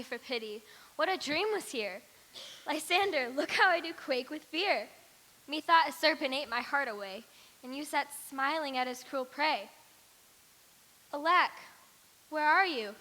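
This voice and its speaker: A woman's voice: high voice, lively intonation, a little slow, long pauses, bright, forceful tone, exaggerated voice. A woman playing an earnest young noblewoman in love in a school stage play. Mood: frightened. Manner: earnest verse. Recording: echoey hall.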